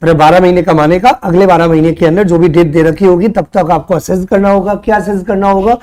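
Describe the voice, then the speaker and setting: High-voiced Indian man teaching a class. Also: steady tone, a little fast, darkish tone. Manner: conversational, quizzes students with rhetorical questions; mixes Hindi with English terms. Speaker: tutor. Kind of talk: classroom lecture.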